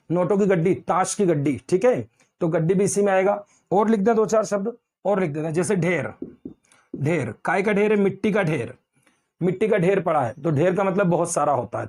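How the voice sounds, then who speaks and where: Man, high voice, grammar lecture, repeats key words, asks and answers own questions. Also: darkish tone. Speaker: Hindi grammar teacher. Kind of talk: classroom lecture.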